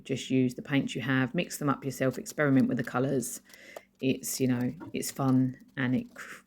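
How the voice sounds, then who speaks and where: A woman's voice: a bass voice, darkish tone. A woman casually narrating her art journaling process in a voice-over, chatting about her supplies and giving practical tips.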